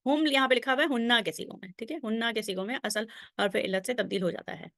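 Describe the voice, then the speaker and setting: Woman, Arabic grammar teacher, patient, recites forms aloud, fairly high voice, dry close recording. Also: creaky, fairly bright tone, dry recording. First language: Urdu. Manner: patient, drills conjugations aloud with frequent check-ins. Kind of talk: recorded slide lesson.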